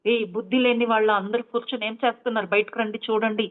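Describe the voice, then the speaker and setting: A woman voicing a kindly old grandfather who loudly scolds his neighbours. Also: fairly high pitch, flat delivery, fast, lightly acted. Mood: scolding. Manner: loud, scolding. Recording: tinny phone-like line.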